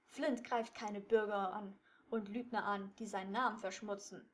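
A woman's voice: mid-range voice, fairly even intonation, moderate pace, fairly bright tone, close to an everyday voice. A woman voicing a defiant old woman who scolds dismissively. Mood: scornful.

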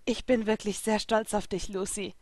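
A woman reading the part of a gentle, proud mother who speaks softly and hushed. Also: medium pitch, fairly even intonation, moderate pace, no echo, close to an everyday voice. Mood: tender. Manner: soft and hushed.

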